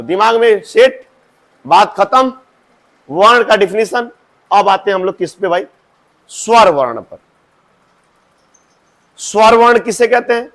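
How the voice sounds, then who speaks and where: A man's voice: sits high, fairly bright tone. A male teacher, drilling a class on grammar and drawing out vowel sounds.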